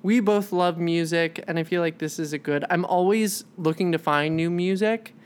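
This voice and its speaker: A woman's voice: fairly low pitch, normal speed. A young woman co-hosting a podcast in casual chat, full of "like" fillers and quoted asides. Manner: chatty, lots of "like" fillers, animated quoting. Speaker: podcast co-host.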